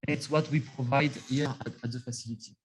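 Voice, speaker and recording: A man's voice: mid-range voice, steady tone, fast talker, slight background noise. A man presenting a science talk on a video call, speaking hesitantly with many fillers while his sound keeps cutting in and out as if through a loose cable, too far from his computer mic. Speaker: microscopy facility scientist presenting.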